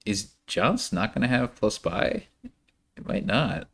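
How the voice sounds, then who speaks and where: A deep-voiced man calls a card game live, with a gravelly edge to his voice. He sounds animated, and his pitch swings widely as he jumps into sudden high reactions. The style is casual commentary. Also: takes it slowly.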